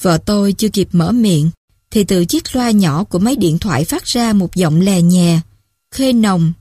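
Woman calmly reading a story. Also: mid-range voice, moderate pace, dry recording, studio quality. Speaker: story reader. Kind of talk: storytelling narration.

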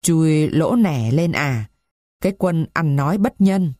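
A woman voicing a dying blind old woman who speaks in a faint, trembling, rasping way. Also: low voice, animated, slow, mellow, dry recording, clean studio sound, exaggerated voice. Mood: scornful.

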